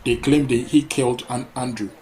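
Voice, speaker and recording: A man's voice: mid-range voice, steady tone, a little fast. Male caller from Ghana, hesitant and earnest, noisy line. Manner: hesitant, many fillers, earnest. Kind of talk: call-in talk.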